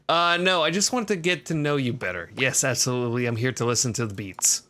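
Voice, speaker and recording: A man's voice: medium pitch, normal speed, pushed and bright. A man streaming a video game, joking and reacting casually to it. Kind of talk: casual gameplay commentary.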